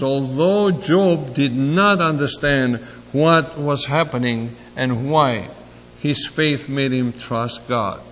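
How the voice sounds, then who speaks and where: A man in his seventies from Greece, giving a halting, reflective sermon with personal asides. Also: a little high, a bit bright, big-room sound. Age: 70s. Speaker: preacher.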